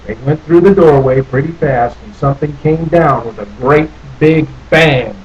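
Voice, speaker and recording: At a moderate pace, a man with a fairly high voice performs a children's story expressively, stretching out phrases for effect. The lo-fi recording carries audible background noise.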